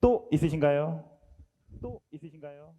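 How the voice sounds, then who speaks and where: A man with a notably high voice leads a catechist training course. He speaks politely and in a measured way. He sums up the day and opens the floor to questions. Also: expressive, mellow. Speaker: instructor. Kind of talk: lecture to teacher trainees.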